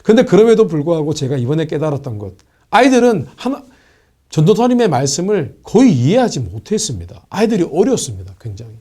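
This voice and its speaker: Earnest, animated male pastor with a warm voice. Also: fairly high pitch, quick pace. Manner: earnest storytelling with lively rises and soft drops. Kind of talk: sermon-style video column, telling a testimony.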